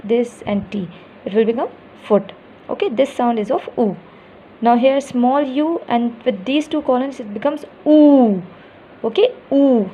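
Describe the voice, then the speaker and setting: A woman's voice: high-pitched, warm tone, slight background noise. A woman teacher, explaining sounds step by step, asking and answering her own questions and stretching example words. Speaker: English teacher. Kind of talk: classroom lesson on phonetics, mixing Hindi and English.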